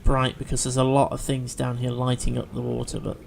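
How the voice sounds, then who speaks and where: A man's voice: medium pitch, completely flat delivery, brisk, vocal fry, a little mellow, slight background noise. A man chatting through a video game as he plays, thinking aloud with fillers and restarts. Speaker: let's play host. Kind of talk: gameplay commentary.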